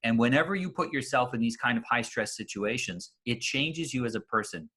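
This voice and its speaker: A man hosting an interview, explaining his thoughts in a steady, reflective way. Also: mid-range voice, a little fast, breathy edge. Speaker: interview host. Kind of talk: casual interview conversation.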